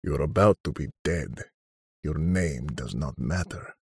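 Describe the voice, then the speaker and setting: A man voicing an arrogant older male killer with superhuman speed, speaking slowly with cold contempt. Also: a bass voice, breathy edge, dry recording, full character voice. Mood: menacing. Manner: slow, contemptuous, menacing. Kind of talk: audiobook character reading.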